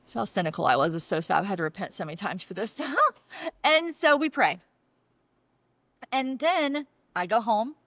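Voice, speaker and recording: Animated woman telling a story. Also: medium pitch, normal speed, pauses often, dry recording. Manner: animated, acts out dialogue with quoted voices. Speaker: guest sharing testimony. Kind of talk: storytelling in casual chat.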